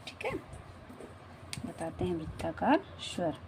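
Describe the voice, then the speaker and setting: A woman's voice: on the low side, sing-song, a little slow, noisy background. A woman teaching a grammar lesson, repeating herself and often checking that the class follows. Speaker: Hindi teacher.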